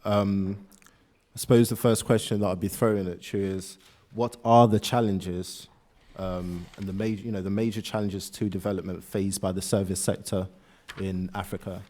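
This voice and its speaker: A man's voice: deep voice, level tone, moderate pace, darkish tone. A man moderating a panel and putting questions to the speakers.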